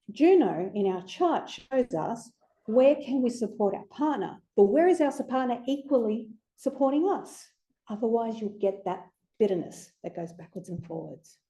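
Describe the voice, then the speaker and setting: An astrology speaker presents to a group in an informal, chatty lecture full of playful asides. She speaks with a fairly high, warm voice.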